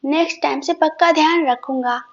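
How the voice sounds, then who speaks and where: A woman voicing a loving young husband who reassures his wife softly in a storybook reading; dull lo-fi sound. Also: high-pitched, a little fast. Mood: tender reassuring. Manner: soft, reassuring, mixing English words.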